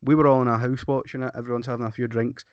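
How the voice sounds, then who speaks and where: A man's voice: medium pitch, flat delivery, rapid-fire, no echo. Blunt man on a dull, dry mic. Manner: blunt, sweary, talks over others. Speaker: podcast co-host. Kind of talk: casual sports chat.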